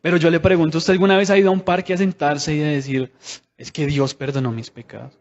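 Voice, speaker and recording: A man's voice: on the high side, fairly even intonation, fast talker. Conversational preacher man, lo-fi sound. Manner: conversational, asks the congregation many rhetorical questions. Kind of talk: sermon.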